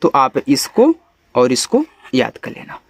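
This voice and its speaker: A man, teaching English phonics, spelling letters out slowly and sounding words out in a chatty way. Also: mid-range voice, wildly swooping pitch, no echo. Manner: calls the listener brother, chatty teaching. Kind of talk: phonics lesson for beginners.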